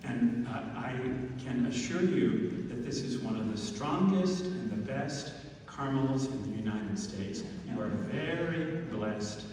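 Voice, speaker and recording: Slow, halting homily from a man, echoing church. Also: mid-range voice, expressive. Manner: halting, hesitant delivery with frequent pauses. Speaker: preacher giving a homily. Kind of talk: pulpit homily at Mass. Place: large reverberant church, speaking to a congregation. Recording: echoey church hall, distant mic, faint noise.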